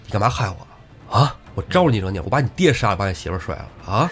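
A man's voice: fairly low pitch, big pitch swings, fast talker. A man voicing a furious male outlaw chief who curses and berates his captured enemy. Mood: enraged. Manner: shouting, cursing, outraged.

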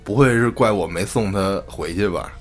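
Brief: carefree drunk cousin on the phone, voiced by a male narrator, low voice. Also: moderate pace, soft background music, lightly acted. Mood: uneasy. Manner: slurred, jokey. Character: young married cousin, tipsy and carefree.

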